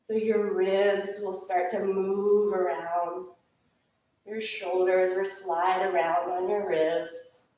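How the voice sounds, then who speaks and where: A woman teaching a yoga class, calmly and steadily cueing breaths and movements. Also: medium pitch, slow pace. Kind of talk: guided yoga class instruction. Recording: echoey room, voice from far off.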